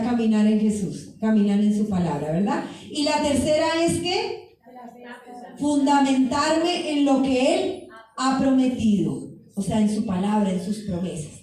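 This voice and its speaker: A woman's voice: sits high, a little mellow. A woman preacher giving a fervent sermon, speaking directly to her congregation in a church. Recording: echoey hall from far off.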